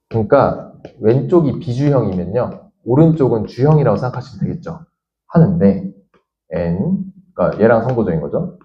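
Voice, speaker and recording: A male teacher lectures with a warm, mellow tone and a lively, swooping pitch. He thinks aloud as he works through a problem and answers questions he voices for his students. The recording is somewhat dull and lo-fi. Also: slight background noise. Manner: talks to himself aloud and acts out students' questions. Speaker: science teacher. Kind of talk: lecture with a worked example.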